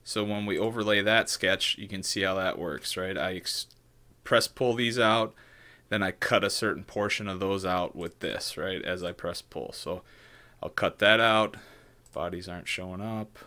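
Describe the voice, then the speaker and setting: A man in his thirties talks through a modeling project from a small room at home, loose and unscripted, often restarting and checking in with "right?". His voice sits low yet sounds forward and crisp. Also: normal speed, pushed and bright. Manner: loose, thinking aloud with frequent "right?" and restarts. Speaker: maker demonstrating 3D modeling. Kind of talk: casual screen-share tutorial.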